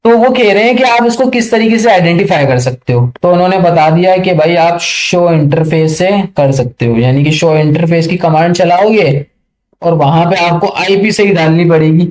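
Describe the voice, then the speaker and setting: High-voiced man teaching a chatty tech lesson. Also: darkish tone. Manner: chatty, keeps checking understanding; reads English passages slowly and haltingly. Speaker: networking tutor. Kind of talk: screen-share tech lesson.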